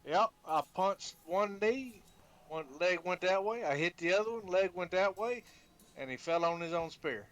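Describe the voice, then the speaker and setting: A man's voice: high voice, expressive, moderate pace, fairly bright tone. A man playing in a tabletop game over an online call, easygoing and playful as he describes his character's attacks. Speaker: player. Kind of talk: casual gaming banter.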